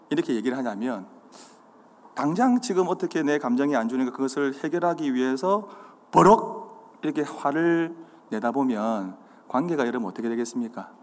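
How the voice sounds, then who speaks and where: A man's voice: medium pitch, slight background noise. A man preaching a sermon, quizzing his congregation with questions and acting out the signs of anger. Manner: animated, acts out anger. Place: church sanctuary. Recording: hall reverb.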